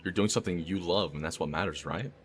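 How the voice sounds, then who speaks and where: Casting: young man with a very deep voice, casual first-person narration over voice chat. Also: fast talker, faint music behind. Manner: casual, jokey between readings. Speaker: player and narrator. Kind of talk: reading game narration in voice chat.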